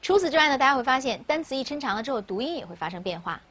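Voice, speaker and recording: Brief: woman teacher explaining English grammar to a class, native Mandarin speaker, a little high and husky. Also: very animated, rapid-fire, fairly bright tone. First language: Mandarin Chinese. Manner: asks questions and answers them herself.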